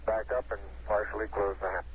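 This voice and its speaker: An astronaut on helmet radio. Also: male voice, lowish voice. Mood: steady. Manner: calm, measured radio talk with hesitations. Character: male astronaut on the lunar surface, calm and measured. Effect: helmet radio transmission. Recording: tinny radio link with faint hiss.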